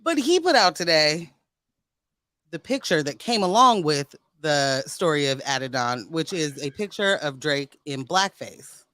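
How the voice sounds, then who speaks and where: A man co-hosting a podcast in casual chat, animated and laughing, heavy on slang. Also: fairly high pitch, unhurried, clear, resonant tone, no echo, studio quality. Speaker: podcast co-host.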